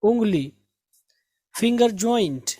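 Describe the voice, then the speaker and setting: Slow, patient woman teaching English words. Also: on the high side, animated, mellow, no room sound, studio quality. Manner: patient, repeats each word and meaning. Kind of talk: slow vocabulary drill lesson.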